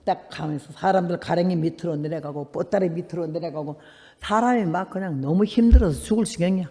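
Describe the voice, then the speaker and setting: A woman's voice: on the low side, fairly quick, dark tone. A woman in her eighties, a missionary preacher, telling a story in a sermon and acting out the people in it. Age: 80s. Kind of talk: sermon with dramatic personal storytelling. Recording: long reverb of a church hall.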